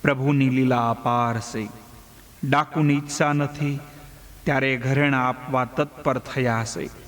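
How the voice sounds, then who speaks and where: Male storyteller, devotional narration; slow and measured, long hall reverb. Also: medium pitch, steady tone, fairly bright tone.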